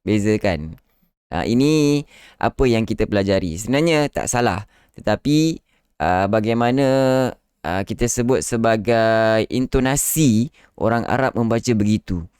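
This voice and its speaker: A man's voice: lowish voice, animated, moderate pace, a little mellow, clean tone, no echo, clean studio sound. A man hosting a live online lesson on Quran recitation, explaining with frequent "ah" fillers and showing how words are stressed. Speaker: Quran recitation teacher and live show host.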